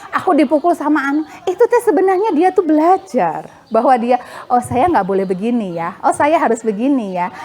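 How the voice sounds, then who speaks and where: Lively high-pitched woman with a lilt, coaching mothers and playing both parent and child in her examples. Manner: acts out parents and children in quoted dialogue; chatty, laughs while explaining. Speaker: parenting class speaker.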